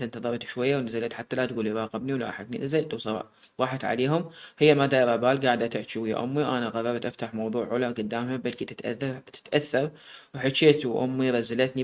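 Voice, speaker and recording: A man narrating a first-person story. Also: mid-range voice.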